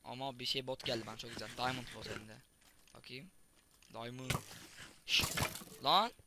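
A man giving excitable gameplay commentary, swearing and joking at the enemies. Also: mid-range voice, moderate pace, noisy background. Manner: excitable, swearing, mock-sportscaster asides. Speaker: gaming YouTuber.

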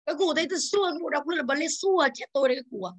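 A woman's voice: high-pitched, animated, rapid-fire. A woman in her thirties from Vietnam, an English teacher going over exercises with her class in a classroom, calling on students by name and drilling pronunciation.

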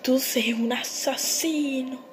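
A woman voicing a young female mouse, indignant and defiant toward her brother, speaking slowly over music. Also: sits high, fairly even intonation, voice pushed up. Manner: indignant, pleading.

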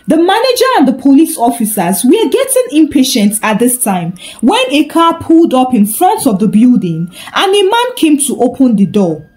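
A woman narrates a scripted story in a high voice, her intonation very lively and swinging widely up and down. She's a storyteller and channel host.

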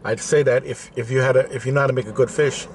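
Sitting in a car with crispy fish and chips, a fast-talking food vlogger in his forties keeps up a casual eating-show chat to camera, speaking through mouthfuls between bites. His medium-pitched voice stays steady, though the in-car camera sound is noisy.

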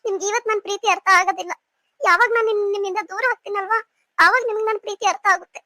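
A sulky, emotional young wife from a cartoon , as a woman puts her on. Her voice is very high and bright, and she speaks at a rapid pace. The recording is close and dry. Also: fairly even intonation, no room sound. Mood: tearful. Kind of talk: cartoon voice acting.

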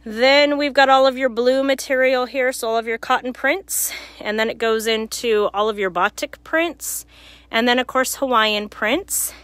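A woman's voice: a little high, normal speed, a bit bright, no room sound. A woman giving a casual shop tour as a store worker, her voice slightly muffled through a face mask. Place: small cluttered shop, indoors. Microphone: handheld phone.

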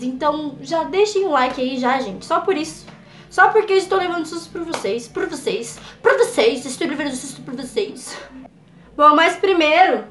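A Brazilian woman with a Brazilian Portuguese accent reacting on camera, jumpy and excitable, scared and trembling, swearing and laughing as she talks. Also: extremely high pitch, echoey room. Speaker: YouTuber. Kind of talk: reaction video chat.

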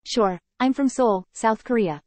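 A woman saying short English sentences for learners, repeating each phrase three times in a careful, even delivery. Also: fairly high pitch, a little slow, no room sound. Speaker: model speaker for English learners. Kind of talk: slow repeated example sentences.

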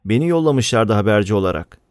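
A male audiobook narrator with a lowish voice, reading a novel in a steady, measured way. The recording is close-miked and dry, with no room sound. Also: dry recording.

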